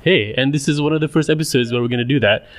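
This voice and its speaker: Malaysian man hosting, halting and casual. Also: mid-range voice. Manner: halting, self-interrupting. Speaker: podcast host. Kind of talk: casual conversational podcast hosting.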